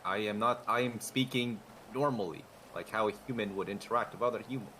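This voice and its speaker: A man's voice: fairly low pitch, brisk, sharp tone, slight background noise, low-quality recording. A man playing a stiff, robotic man. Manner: stiff, formal, mechanical phrasing. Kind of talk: improvised role-play in a game.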